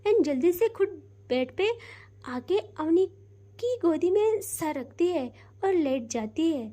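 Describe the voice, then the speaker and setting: A woman's voice: extremely high pitch, expressive, takes it slowly, dark tone. A woman narrating a romance audio story in a casual, conversational way.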